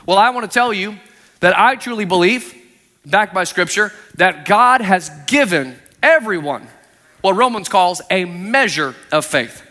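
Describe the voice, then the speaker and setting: Guy preaching in a church, high bright voice, lots of hall reverb, earnest and chatty. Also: expressive, a little slow. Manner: earnest, conversational preaching with scripture quotes. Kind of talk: sermon. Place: church sanctuary.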